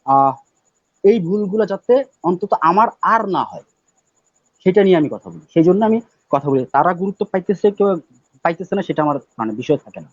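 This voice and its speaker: A man speaking as a guest poet on a live talk show, loud and emphatic, repeating words for stress. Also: high voice, expressive, moderate pace, no room sound. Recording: dull, dry lo-fi audio.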